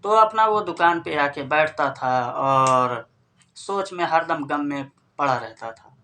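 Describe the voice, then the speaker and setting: Guy telling a story in hindi-belt style, slightly high voice, chatty, talks to "friends". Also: expressive, slow, pushed and bright, slight background noise. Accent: Hindi-speaking northern India. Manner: addresses listeners as friends, conversational retelling. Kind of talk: casual spoken storytelling.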